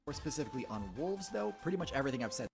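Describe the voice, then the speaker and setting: A man reads scripted explainer narration in a mock-documentary style. His pitch is average for a man but moves in a highly animated way, and music plays clearly underneath. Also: very fast. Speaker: video narrator.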